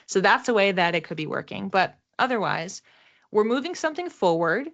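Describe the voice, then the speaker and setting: In dull audio, a woman with a mid-range, sing-song, slightly bright voice talks fairly quickly through a casual card reading. Acting as a psychic reader, she explains things to her listeners in a reflective, conversational way and stresses key words.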